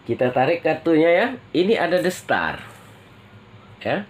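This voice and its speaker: A man giving a tarot reading to his viewers, speaking in a slow, drawn-out way and tagging nearly every phrase with a questioning "ya". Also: fairly high pitch, very animated, slight background noise. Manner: slow, drawn-out delivery with constant "ya" tag questions; addresses viewers as friends. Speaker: tarot reader.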